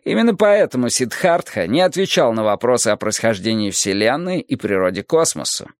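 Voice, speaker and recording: A man voicing a calm, gently sorrowful philosophical teacher in an audiobook, with slow, measured, lecturing speech. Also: medium pitch, no echo, clean studio sound. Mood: musing. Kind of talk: audiobook character reading.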